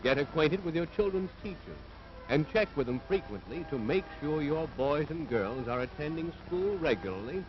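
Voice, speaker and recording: Speaking at normal speed with lively intonation, a slightly high-pitched American man reads scripted narration for a 1940s propaganda film. His delivery is earnest, authoritative and moralizing, and the audio is a dull vintage soundtrack from that decade.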